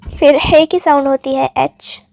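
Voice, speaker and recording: Slow, high-voiced woman teaching letters. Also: steady tone, creaky, no room sound, dull audio. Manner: spells out letters one by one, patient and deliberate. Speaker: Urdu teacher. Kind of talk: slow alphabet lesson.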